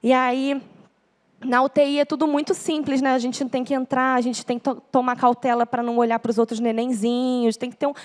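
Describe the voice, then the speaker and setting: A woman's voice: high voice, little pitch movement, a little fast. A young Brazilian woman with a Brazilian Portuguese accent giving an earnest church testimony to a congregation, acting out the words of others as she tells it. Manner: earnest storytelling, acts out quoted speech.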